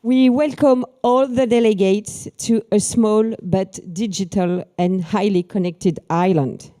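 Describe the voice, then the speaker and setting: A woman's voice: mid-range voice, steady tone, measured pace, mellow. A woman co-presenting at a conference, reading scripted prompts to her partner. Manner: reads prompting questions to co-presenter. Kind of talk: scripted two-person presentation.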